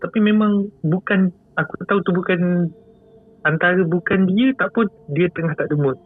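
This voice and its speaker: This guest storyteller is a man with a Malaysian accent, casually recounting a frightening experience at a normal speed in a high-sitting voice. He's talkative, says the same phrases over and over, and keeps laughing softly. The audio has a thin, phone-like quality.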